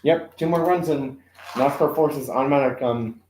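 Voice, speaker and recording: A man's voice: mid-range voice, moderate pace, a little mellow, roomy sound, a little hiss or hum, poor audio. A man hosting a casual live stream, commentating on toy car games and unboxing, rambling with many self-corrections and an occasional cough. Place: room at home.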